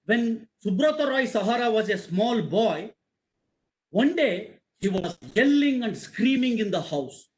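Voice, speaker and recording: An Indian man with a high-pitched voice delivers a motivational talk with strong feeling. He leans on repeated phrases and presses his points with emphasis. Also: animated, measured pace. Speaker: webinar speaker.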